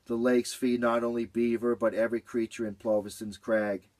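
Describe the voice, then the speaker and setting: A man reading a children's story aloud in a gentle, rhythmic way with lots of repetition. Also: medium pitch, little pitch movement, moderate pace, no room sound.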